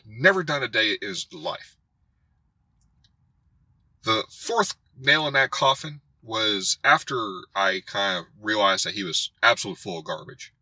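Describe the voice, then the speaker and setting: Husky, animated man telling a story. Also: on the low side, measured pace, no room sound, rough recording. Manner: animated storytelling, acting out others' voices. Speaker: karate instructor and channel host. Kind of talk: storytelling rant to camera.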